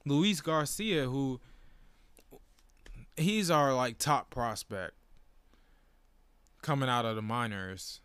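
A young man recapping games in a loose, casual fan rant, swinging between letdown and excitement. His voice is smooth and clear, with a middle pitch. The sound is dry and close, with no room around it. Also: no echo.

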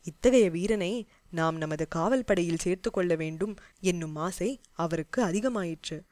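A woman reading a historical novel aloud as an audiobook narrator, measured and clear. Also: fairly low pitch, darkish tone, dry recording.

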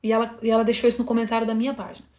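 A woman's voice: on the high side, monotone, very fast, dark tone. A woman speaking emphatically in casual conversation, using slang and repeating words when she gets going. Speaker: campaign organizer and podcast guest.

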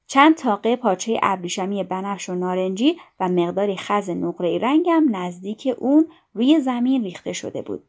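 Woman calmly narrating a story. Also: mid-range voice. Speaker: audiobook narrator. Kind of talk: scripted first-person story narration.

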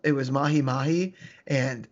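A man of twenty-five chatting casually as a podcast co-host, his voice hoarse, with a smoker's rasp and prone to cracking. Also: mid-range voice, fairly even intonation, moderate pace, muffled recording. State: hoarse from a lost voice. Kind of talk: casual chat.

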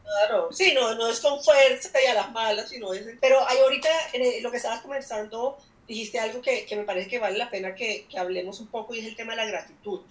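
A woman hosts a conversational interview. Her voice is fairly high, and she talks in a reflective, earnest way. The recording carries a noticeable room echo. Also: fairly even intonation, quick pace. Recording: echoey room.

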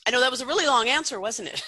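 Bright, dry-voiced middle-aged woman teacher. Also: high-pitched, lively intonation, very fast, husky, dry recording, rough recording. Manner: chatty, lots of fillers and restarts. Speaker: pronunciation teacher, guest. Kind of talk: explaining in an interview.

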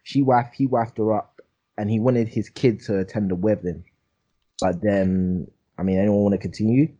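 Young man, London roadman accent, low voice, slang-heavy chat, slightly dull recording. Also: fairly even intonation, normal speed, warm tone, slightly rough. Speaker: podcast host.

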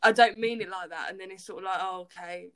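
A woman's voice: mid-range voice, quick pace, fairly bright tone. A young woman, co-hosting a podcast, blunt and rambling, with lots of "like" and some swearing. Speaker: podcast co-host. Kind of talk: casual chat.

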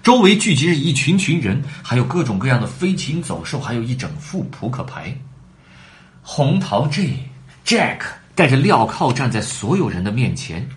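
A man reading a children's story aloud in an animated way, talking to the children between lines. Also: mid-range voice, normal speed.

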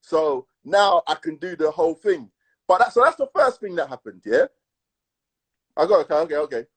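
A man with a London roadman accent telling stories in casual, slangy chat, emphatic and repetitive, with a husky voice. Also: high-pitched, very animated, moderate pace, rough recording. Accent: London urban, roadman. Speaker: podcast co-host.

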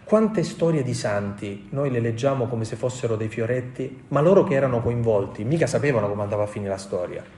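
Male preacher, mid-pitched, passionate sermon delivery with emphatic swells, reverberant church sound. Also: lively intonation, a little fast, few pauses, warm tone, slight background noise. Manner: impassioned, rising to emphatic peaks, quoting voices. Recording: echoey room.

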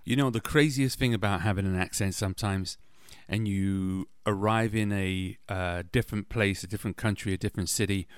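A man's voice: fairly low pitch, no echo, clean studio sound. A man from England with a British accent, hosting a podcast and telling personal stories in a chatty, anecdotal way with wry self-deprecating asides. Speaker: podcast host. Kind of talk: casual personal storytelling.

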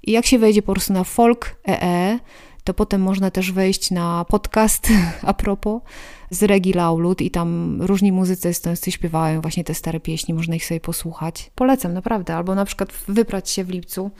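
A woman's voice: fairly low pitch, fairly even intonation, normal speed, darkish tone. Woman guest going on eagerly, lots of detail, chatty explaining. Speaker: guest expert on Estonian culture. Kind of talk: conversational explaining.

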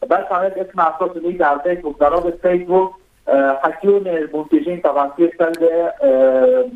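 Fast-talking Lebanese man, thin phone-like sound. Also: sits high, creaky. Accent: Lebanese Levantine Arabic. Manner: halting, repeats words, mixes in English words. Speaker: comedian and actor, interview guest. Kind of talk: casual interview talk.

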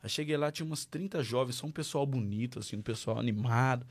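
A man's voice: mid-range voice, fast. Brazilian man telling his story. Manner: lively storyteller acting out dialogue. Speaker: guest. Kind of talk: casual testimony.

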